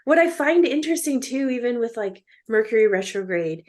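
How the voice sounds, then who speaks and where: A woman's voice: fairly high pitch, animated, a little fast, darkish tone. A woman co-hosting a casual chat podcast, chatty with fillers and frequent laughs. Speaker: podcast co-host.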